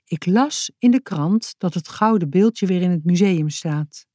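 A woman's voice: on the low side, expressive, measured pace, mellow, dry recording, studio quality. A woman doing a kindly, scheming grown man. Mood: friendly.

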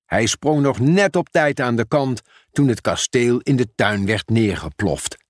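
A man reading a children's storybook aloud in a measured, expressive way. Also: mid-range voice, no echo, studio quality. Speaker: narrator.

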